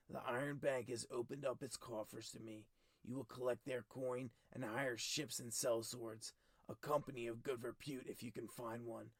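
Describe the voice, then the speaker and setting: A man voicing a stern, cold middle-aged king who talks in clipped, forceful commands, higher and louder than his narration. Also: no echo, close to an everyday voice.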